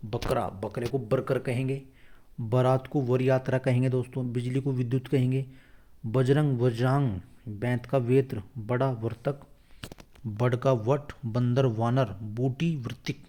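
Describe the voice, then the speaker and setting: A man teaching a grammar lesson for exam preparation, rapidly reading out word pairs and calling the viewers his friends, with quick self-corrections. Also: medium pitch, steady tone, mellow.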